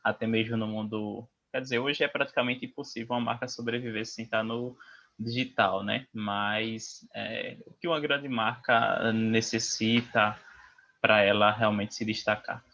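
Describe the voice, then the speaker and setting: Bright-voiced male podcast host, lo-fi. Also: fairly low pitch, steady tone, moderate pace. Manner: upbeat, informal questions. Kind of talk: casual interview hosting. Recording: dull lo-fi mic.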